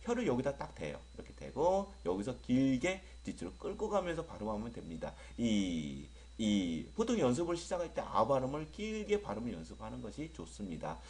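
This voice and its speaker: A man teaching English pronunciation in an online lecture. He speaks, repeats words slowly with drawn-out vowels, and jokes lightly with students he calls friends. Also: mid-range voice, wildly swooping pitch, darkish tone.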